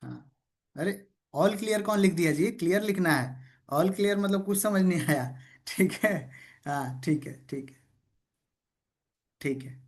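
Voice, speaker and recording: A man with a high, animated voice leads a sales training session online via video call. Speaking slowly with long pauses, he drills participants in call-and-response, teases them playfully, and keeps making sure they're all keeping up.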